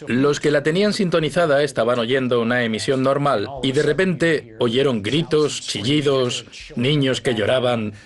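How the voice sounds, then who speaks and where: A man's voice: mid-range voice, normal speed, a crowd in the background. A man narrating a documentary, retelling the events in a vivid, dramatic way. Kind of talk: scripted narration. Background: background music.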